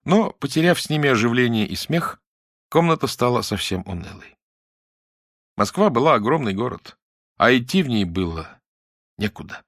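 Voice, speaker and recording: A man reading an audiobook, his narration lively and full of melodic movement. The delivery is expressive and dramatic, recorded close and completely dry. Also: medium pitch, normal speed, pauses often, no room sound.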